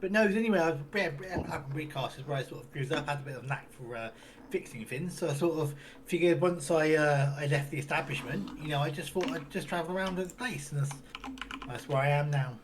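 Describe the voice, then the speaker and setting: A man voicing a wandering half-elf male handyman in a tabletop role-play, talking in a folksy, rough way full of fillers. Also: fairly high pitch, brisk, a little hiss or hum, lightly acted. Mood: rambling.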